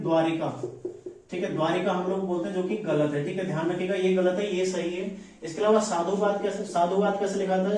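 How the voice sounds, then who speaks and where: A man's voice: sits high, mellow. A man working through exam practice questions as a teacher, who keeps asking a question and answering it himself. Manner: repeats "ठीक है" often, asks then answers himself. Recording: echoey room, voice from far off.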